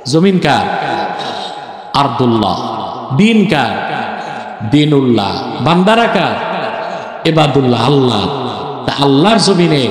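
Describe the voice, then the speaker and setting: A Bangladeshi Bengali-speaking man preaching a fiery sermon in a large tent, tired and slow-paced, chanting lines in a sing-song cadence and calling out to the crowd for answers. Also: fairly high pitch. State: physically tired, speaking slowly. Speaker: Islamic preacher. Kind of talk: fiery open-air sermon. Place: large packed tent at a religious gathering. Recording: very echoey public address in a big tent.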